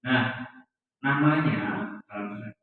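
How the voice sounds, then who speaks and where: A man's voice: mid-range voice, unhurried, faint music behind. A man, a teacher giving a hesitant, explanatory presentation full of fillers. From Central Java, Indonesia. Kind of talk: presentation on classroom discipline. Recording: echoey hall, far from mic, dull.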